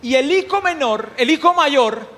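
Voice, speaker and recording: A man preaching a sermon, animated and humorous, often putting questions to the congregation. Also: very high voice, unhurried. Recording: long hall reverb.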